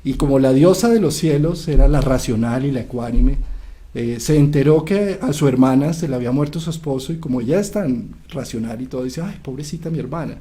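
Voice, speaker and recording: A man, a psychiatrist, explaining a myth in an animated storytelling way, often checking in with his listener. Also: mid-range voice, a little fast. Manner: animated retelling, frequent "¿sí?" checks. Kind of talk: lecture-style storytelling.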